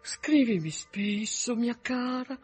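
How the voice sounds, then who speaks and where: A man reading aloud, voicing a fussy, high-strung middle-aged mother in a plaintive way. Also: takes it slowly, a little mellow, husky, soft background music, heavily acted. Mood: tender.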